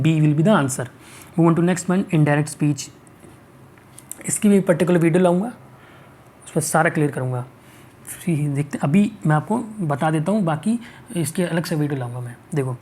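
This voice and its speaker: A male teacher going through exam questions, reading the English sentences out slowly and checking in often to ask whether it is clear. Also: on the high side, warm tone. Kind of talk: exam-prep lesson.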